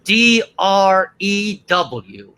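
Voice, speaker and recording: A man's voice: high-pitched, big pitch swings, very slow, pushed and bright, a little hiss or hum. A man hosting a livestream and leading improvised comedy banter. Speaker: host.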